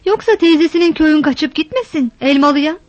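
A woman's voice: sits high, a little fast, no room sound, highs cut off, close to an everyday voice. A woman voicing a frantic village mother who shrilly scolds and calls for her daughter.

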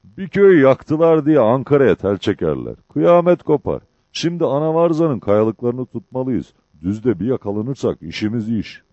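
A man voicing a huge, hot-tempered male bandit sergeant who is wounded and cries out loudly, in a dull lo-fi recording. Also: low voice, big pitch swings, moderate pace, dry recording. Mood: commanding. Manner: loud, cries out in pain.

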